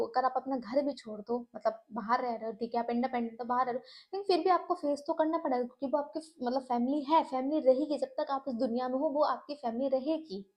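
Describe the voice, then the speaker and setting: A young woman talking to camera in a casual, earnest way, often mixing English into her Hindi and using many fillers, and growing heated and emphatic as she goes. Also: high-pitched. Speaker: vlogger.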